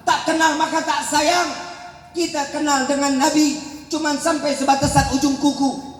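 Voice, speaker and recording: Male preacher, very high voice, jokey slang storytelling with Arabic phrases, echoey hall. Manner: calls out to the crowd for responses. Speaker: preacher at a religious gathering. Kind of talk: humorous sermon storytelling. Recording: echoey hall with long reverb, faint ambience.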